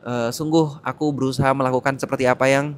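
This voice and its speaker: A man voicing a humble, gentle elderly leader who speaks apologetically. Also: medium pitch, fairly even intonation, quick pace, natural voice.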